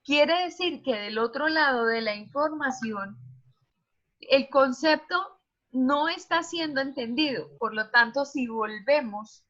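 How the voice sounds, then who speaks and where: A woman's voice: sits high, a bit bright, muffled recording. A woman teacher giving an online class lecture over a video call, explaining ideas and asking students questions.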